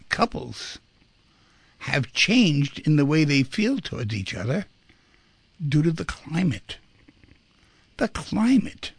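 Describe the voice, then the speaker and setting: A man's voice: medium pitch, vocal fry, a bit bright, no room sound. A man hosting a radio talk show, chatting casually and animatedly with listeners.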